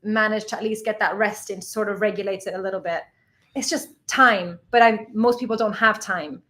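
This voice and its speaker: A woman's voice: medium pitch, fairly even intonation, moderate pace, sharp tone. A young Swedish woman co-hosting a casual live travel Q&A, chatty and laughing often. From Sweden. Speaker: travel vlogger co-host.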